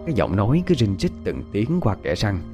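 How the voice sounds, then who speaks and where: Male ghost story narrator, low and expressive. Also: a little fast, soft background music. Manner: dramatic, expressive, panicked cries in character.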